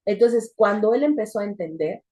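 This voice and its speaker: A woman's voice: medium pitch, lively intonation, normal speed, mellow. A woman teaching a church women's group, telling a deliverance story with sudden emphatic rises. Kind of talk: testimony teaching.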